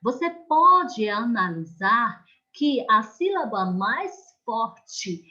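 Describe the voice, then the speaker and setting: A Brazilian woman teaching an online class, explaining slowly and patiently and often checking that the children follow. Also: a little high, very animated, pushed and bright, dull audio. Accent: Brazilian Portuguese.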